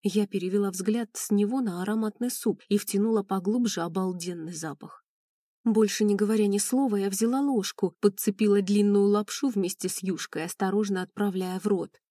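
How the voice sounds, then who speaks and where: A woman's voice: mid-range voice, moderate pace, mellow, no echo. A woman reading a first-person audiobook in an emotional, mournful way, close to the mic. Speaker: audiobook narrator.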